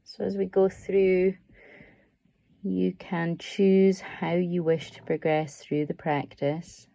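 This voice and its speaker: A yoga nidra teacher guides a meditation in a low, mellow voice with a noticeable creak and little pitch movement. She speaks slowly and soothingly, offering gentle, permissive instructions without any push. The audio is dull, with no echo.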